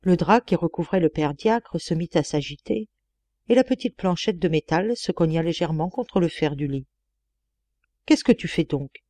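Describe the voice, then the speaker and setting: A woman narrates a literary audiobook with measured, expressive reading. Her voice is mellow and warm, recorded dry and close. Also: lowish voice, no echo. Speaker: audiobook reader.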